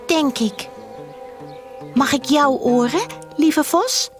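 A woman voicing a naive, eager little female goose in a children's storybook, squeaky and pleading. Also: takes it slowly, faint music behind. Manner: squeaky, wide-eyed and pleading.

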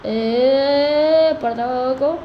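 A woman's voice: sits high, extremely slow, echoey room, highs cut off, slight background noise. A woman with a Spain Spanish accent giving playful, joking let's-play commentary, laughing often. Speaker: gaming video host.

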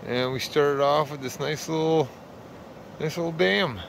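A man with a slightly high, creaky voice vlogs on a canoe trip across wilderness lakes and rivers, recorded outdoors on a handheld camera with slight background noise. Tired but easygoing, he talks unhurriedly and casually, rambling with fillers and laughs.

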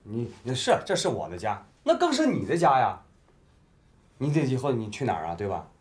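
An actor playing a lazy, gambling young husband in a family TV drama, speaking, first coaxing and then loudly exasperated. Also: male voice, mid-range voice, huge pitch swings, normal speed. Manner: wheedling, then exasperated and loud. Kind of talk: Beijing-flavored TV drama acting.

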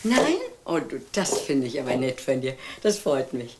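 An actress playing an older mother visiting her son and daughter-in-law, flustered, indignant and quick to exclaim. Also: extremely low pitch, sing-song, very noisy. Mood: surprised. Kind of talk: TV drama acting.

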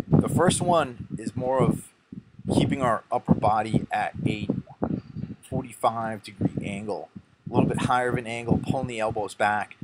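Low-voiced man coaching a back workout. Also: heavy background noise. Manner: instructive, self-mocking. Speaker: bodybuilder narrating his workout. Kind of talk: casual workout voice-over.

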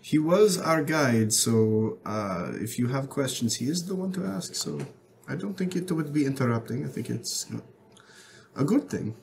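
A man playing a tabletop game, jumping in with quick questions. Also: mid-range voice, expressive, gravelly, a little hiss or hum. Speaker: player. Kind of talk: casual tabletop role-play.

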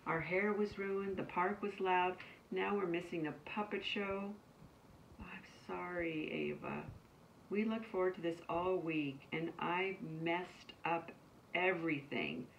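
A woman's voice: fairly low pitch, a little slow, creaky, dull audio, voice pushed up. A woman reading a storybook aloud, voicing a worried but loving young mother who reassures her daughter and later grows weary and apologetic. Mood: dejected. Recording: distant mic, faint background noise.

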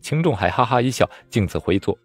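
A man giving expressive audiobook narration of a martial-arts novel. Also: medium pitch, a little fast, husky. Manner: lively, expressive storytelling. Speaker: storyteller.

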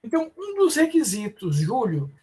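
A man with a Brazilian accent teaching a live online law class, often calling students by name and slowing down to stress terms. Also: very high-pitched, huge pitch swings, a little mellow, slightly rough. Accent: Brazilian Portuguese. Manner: addresses students by name, many fillers and restarts. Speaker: law professor.

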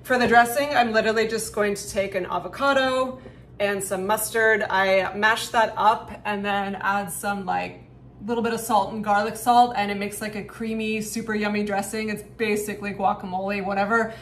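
A woman talks casually to camera in a lifestyle vlog, upbeat and chatty and dropping "like" here and there. Her voice sits in an ordinary middle pitch. A faint hum of outdoor ambience lies under her talk. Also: steady tone, moderate pace, low-quality recording. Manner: chatty, upbeat, frequent "like" fillers. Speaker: lifestyle vlogger. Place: home kitchen and outdoor porch.

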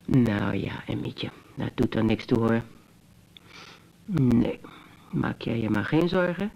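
Wry bitter brother in an old radio play, gravelly voice, drawls it out slow and mocking. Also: male voice, medium pitch, expressive, a little mellow, rough recording. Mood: musing. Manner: slow, mocking, musing monologue. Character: wry, bitter adult brother, teasing yet tender. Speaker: brother reminiscing to his sister. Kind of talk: 1970s Dutch radio drama acting.

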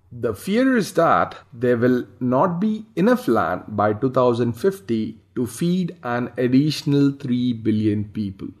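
A man from India talks through a slide presentation on farming, reading the text aloud and stopping now and then to add his own remarks. His voice sits at a middle pitch, and he often hesitates between points. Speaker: farm owner presenting slides.

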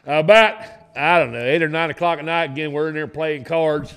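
A man's voice: fairly high pitch, moderate pace, a bit bright, smooth. Folksy Southern man spinning a yarn. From Florida, US. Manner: folksy, profane, laughs through his stories. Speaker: podcast guest, former game warden. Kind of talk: casual storytelling. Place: podcast set in a garage studio. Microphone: studio mic on boom arm, headphones.

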